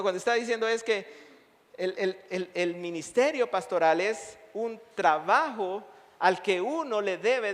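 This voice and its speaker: Man, pastor, high voice, emphatic sermon, repeated lists, long church-hall reverb. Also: a bit bright. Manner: emphatic, building lists with repetition. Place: church sanctuary.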